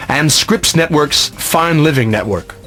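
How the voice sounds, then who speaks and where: A man giving scripted promotional narration about his own career, in measured, polished announcer phrasing. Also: a little high, expressive. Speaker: ringmaster presenting own career reel. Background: loud music.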